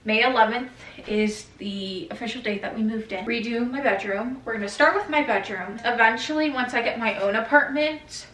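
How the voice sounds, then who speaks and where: A woman's voice: fairly high pitch, moderate pace, few pauses, a bit bright, reverberant, distant mic, low-quality recording. A woman in her early twenties vlogging casually about redoing her bedroom, chatty and swearing freely. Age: 20s. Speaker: lifestyle vlogger. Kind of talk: casual vlog chat. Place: bedroom at home.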